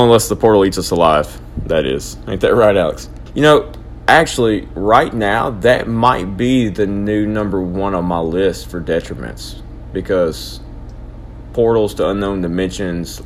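An actor playing an excitable young man who rants theatrically about his odd grudges. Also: on the low side, unhurried, slight background noise. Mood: goofy. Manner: dramatic, ranting, overblown. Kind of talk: hobby audio drama.

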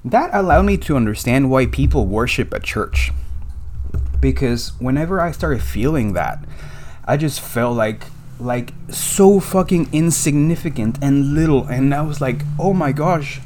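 A man who is a podcast guest, telling a spiritual story in casual conversation, animated and emotional, with many fillers and some swearing. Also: medium pitch, unhurried, slight background noise.

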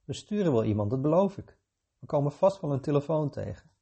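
A man's voice: a little high, sing-song, brisk, gravelly, mellow, breathy edge, voice pushed up, full character voice. A man reading an impatient skeptical companion. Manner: impatient, exasperated.

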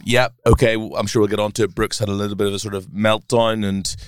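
Male broadcaster as podcast guest, low smooth voice, keen and animated, dry close mic. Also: fast, no room sound. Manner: animated, laughing, enthusiastic. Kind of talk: casual podcast chat.

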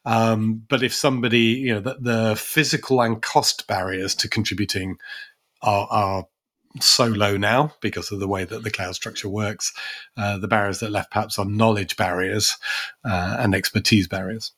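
A man's voice: fairly low pitch, fairly even intonation, normal speed, fairly bright tone. Male co-host, conversational and reflective, circles back often. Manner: thoughtful, many restarts and asides. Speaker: podcast co-host. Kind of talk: conversational policy discussion.

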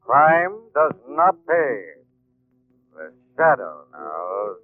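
An actor playing a sinister, mocking shadowy crime-fighter in an ominous 1940s radio drama style. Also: male voice, medium pitch, sing-song, extremely slow. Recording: tinny old radio recording with organ.

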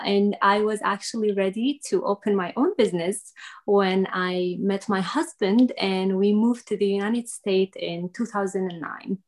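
Syrian-accented woman, earnest and halting. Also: mid-range voice. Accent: Syrian Arabic. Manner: earnest, with many "uh" and "um" pauses. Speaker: guest, makeup artist. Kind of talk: podcast interview.

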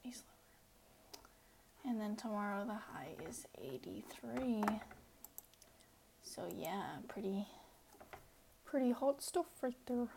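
A young woman from the United States hosting her first casual solo podcast, rambling and self-deprecating, sometimes dropping to a soft near-whisper. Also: mid-range voice, expressive, takes it slowly, gravelly, pauses often, noisy background. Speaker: podcast host.

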